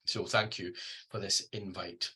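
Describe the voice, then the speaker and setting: A man with a Scottish accent presents to an online audience, his voice sitting low with a husky edge yet sounding bright and forward. He talks in a friendly, halting way, with frequent ums and restarts. The sound has a video-call feel. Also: little pitch movement. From Scotland. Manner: hesitant, many ums and restarts. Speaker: guest speaker.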